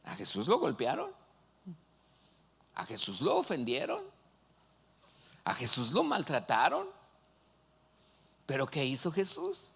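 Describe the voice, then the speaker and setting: A man's voice: mid-range voice, huge pitch swings, slow, creaky, pauses often, fairly bright tone, husky. A man, a pastor preaching a sermon who keeps asking the congregation questions. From Mexico. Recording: long hall reverb.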